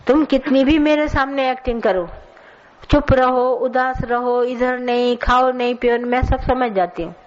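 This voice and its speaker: A woman's voice: high-pitched, fairly even intonation, normal speed, highs cut off. A woman giving a colloquial spiritual sermon, scolding and telling stories to her listeners. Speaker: spiritual teacher. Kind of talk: satsang sermon.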